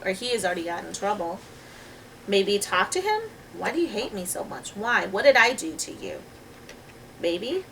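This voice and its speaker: A woman's voice: on the high side, far from the mic, slight background noise, poor audio. A woman librarian reading a book aloud to children and then talking it over with them, asking questions and often checking in with "okay?". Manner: warm teacherly, asks questions, repeats "okay?". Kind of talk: read-aloud and discussion for children.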